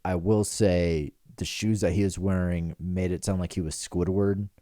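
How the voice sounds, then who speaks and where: A man's voice: sits low, steady tone, normal speed, warm tone, dry recording, clean studio sound. A man in his twenties hosting a podcast, rambling and riffing in casual joking chat in a small room with pillows dampening the sound. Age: 20s. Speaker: podcast host.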